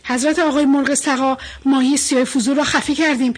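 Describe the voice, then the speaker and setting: A woman's voice: high voice, fairly even intonation, lightly acted. A woman voicing a crowd of frightened tiny fish who plead and whine in a storybook reading. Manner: pleading, whiny.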